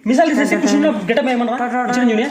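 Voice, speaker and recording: A man acting a tipsy, hot-headed young man who rants loudly in a comic web series and keeps repeating himself. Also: extremely high pitch, very fast. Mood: heated, ranting. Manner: loud, heated, repeating himself. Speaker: actor in a comedy web series. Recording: echoey, loud crowd of voices behind.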